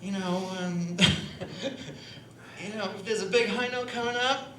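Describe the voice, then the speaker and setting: A singer who also teaches voice takes her time on a panel in a performance hall, demonstrating breathing chattily and often asking "right?". Her voice is mid-range and slow-paced, and the hall is echoey with steady noise.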